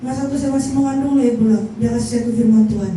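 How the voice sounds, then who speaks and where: A woman giving a halting, earnest personal testimony at a church service, slowing down to stress her words. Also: fairly high pitch, dark tone. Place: large echoey church hall. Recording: echoey hall from far off, faint noise.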